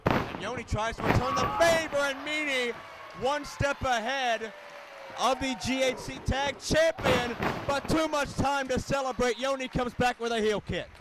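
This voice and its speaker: Male wrestling commentator, high voice, emphatic clipped play-by-play over clear arena noise. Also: moderate pace. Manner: emphatic calls in short clipped phrases. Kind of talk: live wrestling match commentary. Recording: noisy arena recording.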